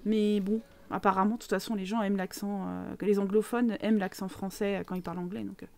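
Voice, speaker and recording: A woman's voice: mid-range voice, fairly even intonation, quick pace, vocal fry, darkish tone. A young French woman chatting casually with her live chat while playing a life-simulation game, rambling with many fillers. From France. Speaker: streamer.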